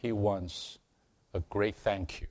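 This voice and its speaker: A man preaching a sermon to a congregation, earnest and unhurried, growing emphatic as he reads and explains scripture. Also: fairly low pitch, fairly even intonation, crowd noise. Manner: slow, earnest, calls for amens, rising to emphatic preaching.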